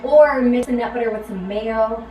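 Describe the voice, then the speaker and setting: A woman's voice: on the high side, moderate pace, mellow. A middle-aged woman co-hosting a live cooking stream, playful and upbeat with viewers. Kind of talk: casual live-stream chat. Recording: roomy sound from a distant mic, faint background noise.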